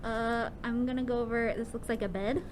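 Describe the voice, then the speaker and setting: A woman's voice: a little high, fairly even intonation, fairly quick, background noise. A woman chatting casually and playfully as a player in a tabletop game.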